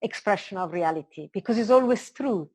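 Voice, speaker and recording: A woman's voice: medium pitch, lively intonation, brisk, darkish tone, slightly rough. A woman with an Italian accent shares spiritual teaching in a conversation. Her voice sits in a middle register. She is earnest and expansive, building each idea phrase by phrase. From Italy. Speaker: spiritual teacher being interviewed.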